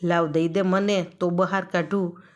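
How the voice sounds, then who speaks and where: A woman voicing a hoarse, greedy man who bullies and threatens a trapped boy. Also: fairly low pitch, little pitch movement, measured pace, close to an everyday voice. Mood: gruff. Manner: gruff and bullying. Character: hoarse greedy male railway swindler, threatening.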